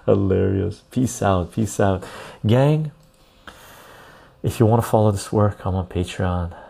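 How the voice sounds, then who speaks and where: Deep, gravelly man on a clip-on mic. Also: unhurried, warm tone. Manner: conversational, repeats phrases for emphasis. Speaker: live stream and podcast host. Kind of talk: casual live stream sign-off to chat. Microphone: clip-on lapel mic.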